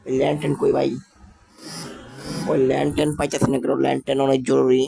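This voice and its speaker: A young man, still a school student, commenting casually on his Minecraft build in a halting, stammering way, speaking slowly on purpose. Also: medium pitch, monotone, creaky, dark tone. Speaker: gaming channel host.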